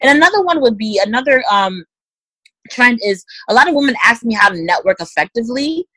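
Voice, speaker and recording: A woman's voice: on the high side, expressive, brisk, bright, forceful tone, slightly rough, dry recording, poor audio. A woman giving direct, emphatic career advice in a conversational interview, speaking straight to listeners. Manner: direct, emphatic, addresses listeners as guys and ladies.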